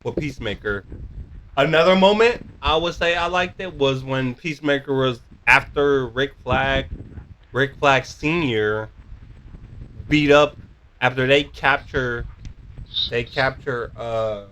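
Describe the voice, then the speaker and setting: A man talks through a show recap in a loose, rambling way and keeps circling back to the same filler words. His voice is bright and forward, at an ordinary middle pitch. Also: slow, slight background noise. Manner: rambling, full of "basically", searches for words. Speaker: co-host of a show review. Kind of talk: casual recap chat.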